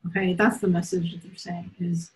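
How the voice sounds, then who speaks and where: A woman's voice: fairly low pitch, normal speed, low-quality recording. Chatty woman hosting a video call reading. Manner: chatty, checks in with "right?" and "okay?" often; relaxed, giggles easily. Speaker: spiritual reader and host.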